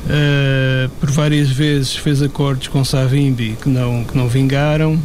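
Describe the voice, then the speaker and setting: A man commenting in a casual discussion, measured and analytical, with some fillers. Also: medium pitch, little pitch movement, darkish tone, slight background noise.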